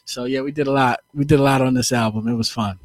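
A man's voice: mid-range voice, steady tone, fast, dry recording. Laid-back man talking shop about music. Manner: laid-back, loose slangy talk with "you know what I'm saying". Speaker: recording artist discussing his album. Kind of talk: casual chat.

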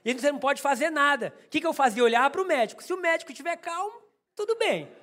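A pastor with a Brazilian Portuguese accent preaches to his congregation in a very high voice for a man. He tells a personal story with humor and speaks straight to the listeners. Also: lively intonation, fast talker, bright, forceful tone. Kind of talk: sermon.

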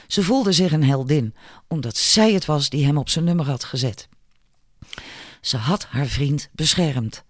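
A man narrates an audiobook in a measured storytelling manner. His voice is slightly higher than most men's, and the recording is dry and close. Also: no room sound. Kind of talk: scripted narration.

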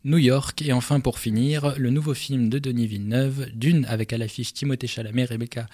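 A man's voice: mid-range voice, fairly even intonation, fairly quick, mellow, no echo. Enthusiastic male film columnist, dry studio sound. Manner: enthusiastic, chatty, with fillers and restarts. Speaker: film columnist on a radio show. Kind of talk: presenting a film preview.

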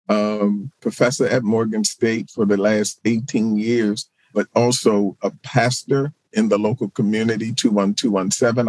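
Interviewed as a guest, a pastor and social work professor from Baltimore, middle-aged, thinks aloud through his answers, restarting and using fillers. The recording is poor quality but echo-free, and his pitch is fairly low.

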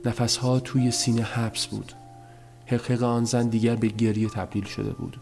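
A man narrating a story as an audiobook, in a measured, subdued telling. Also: medium pitch, little pitch movement, creaky, a little mellow, faint music behind.

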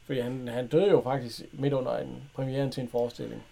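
A man's voice: mid-range voice, flat delivery, gravelly, mellow. A man in casual chat, hesitantly retelling old film scenes with many fillers and chuckles.

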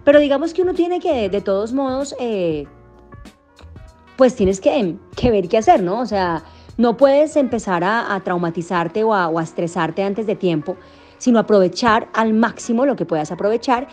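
A woman's voice: mid-range voice, expressive, normal speed, darkish tone, soft background music. A young adult woman from Colombia, a voice actor and singer, answering interview questions thoughtfully with frequent restarts and fillers.

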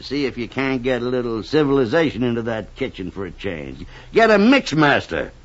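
Radio drama: bullying tycoon father, lively pitch, dull old recording. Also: moderate pace. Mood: irritable. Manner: gruff, domineering, dismissive. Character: blustering cold businessman father. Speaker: company boss.

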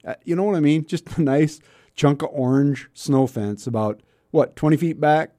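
Wry radio host, dry studio sound. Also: male voice, on the high side, normal speed, warm tone, no room sound. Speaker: radio talk show host. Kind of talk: casual radio banter.

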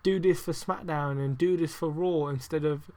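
Swearing, excitable podcast man. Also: a little high, moderate pace. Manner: heavy swearing, rambling with many fillers; excitable, emphatic. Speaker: podcast host. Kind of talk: casual wrestling review podcast.

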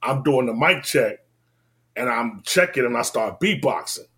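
A man in his forties with a Washington, D.C. accent, telling his story in a casual, slangy, laid-back way that drifts between loud and low. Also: lively intonation, a little slow.

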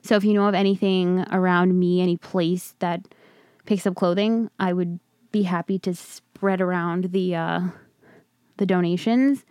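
A woman's voice: fairly low pitch, steady tone, unhurried, a little mellow, clear, resonant tone, no echo, studio quality. A young woman hosting a casual solo podcast from home, chatting in an upbeat, rambling way. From Long Island, New York. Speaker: podcast host.

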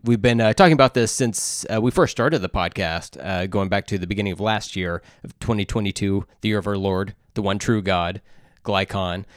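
A man's voice: lowish voice, brisk, no echo, clean studio sound. A man co-hosting a podcast in casual chat, joking and rambling with plenty of fillers. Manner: jokey, rambling with many fillers. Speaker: podcast co-host.

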